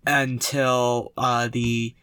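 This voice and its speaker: A man's voice: mid-range voice, level tone, very slow, pushed and bright, smooth, dry recording. A man co-hosting a casual podcast from inside a clothes closet, talking with a dry, wordy humor. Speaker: podcast co-host.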